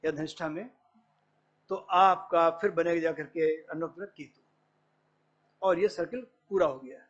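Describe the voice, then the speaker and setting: A man's voice: high voice, muffled recording. A man giving a workshop lecture, explaining points step by step, quoting Sanskrit verses and asking an assistant for the next slides. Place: lecture hall.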